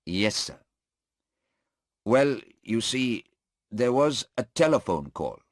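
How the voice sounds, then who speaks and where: A man's voice: medium pitch, no room sound, clean studio sound, pitched above the performer's own voice. A man voicing a hesitant, deferential male airport policeman in a story read aloud, testifying in court. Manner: hesitant and deferential, says sir.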